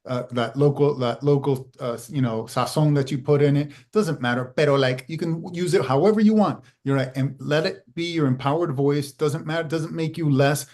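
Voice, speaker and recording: A man in his fifties speaking on a conference panel in a halting way, repeating words and mixing in Spanish phrases. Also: a little high, darkish tone. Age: 50s. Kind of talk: panel discussion.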